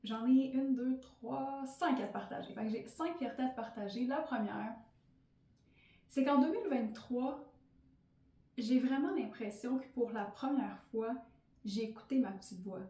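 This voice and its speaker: A woman's voice: on the high side, a little slow, warm tone. A woman with a Québécois French accent, a podcast host in her thirties, sharing a casual, candid personal monologue full of fillers. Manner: chatty and candid, many fillers. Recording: roomy, slightly distant mic.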